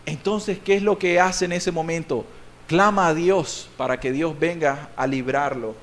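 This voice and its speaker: A man from Nicaragua preaching a sermon as pastor, swinging between loud and soft delivery and drawing out key words slowly for emphasis. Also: fairly high pitch, fairly even intonation.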